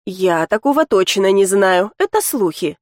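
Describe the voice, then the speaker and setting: A woman's voice: mid-range voice, big pitch swings, unhurried, a little mellow, no echo, clean studio sound. A woman voicing a giggly, gossiping young female student in an audiobook, chatty in manner. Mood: gossipy.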